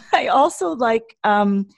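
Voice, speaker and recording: A woman's voice: fairly high pitch, expressive, takes it slowly, vocal fry, no echo. Michigan-accented woman, close dry sound. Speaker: podcast co-host. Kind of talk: casual scripted-topic podcast chat.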